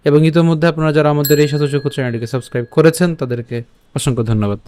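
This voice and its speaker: A man, teaching how to pronounce a Sanskrit verse, breaking words into syllables and chanting them slowly. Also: fairly high pitch. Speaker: Gita teacher.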